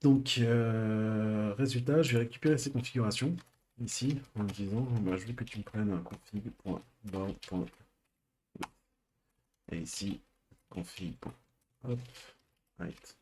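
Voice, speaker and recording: A man streaming a live coding session, thinking aloud with many pauses and fillers. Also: fairly low pitch, darkish tone, a little hiss or hum.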